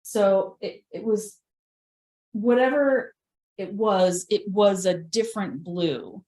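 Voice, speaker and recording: This woman's voice is medium-pitched, warm, and slow as she teaches a live virtual painting class via video call. She chats away, thinking out loud as she paints and laughing at herself often.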